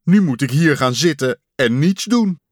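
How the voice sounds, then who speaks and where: A man's voice: fairly high pitch, expressive, a little slow, dry recording, pitched above the performer's own voice. A fussy, anxious toad from a storybook, put on by a male narrator, wailing in a raised, strained voice that swings wildly up and down. He sounds close and dry, with no room around him. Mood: agitated. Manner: wailing, panicky when upset.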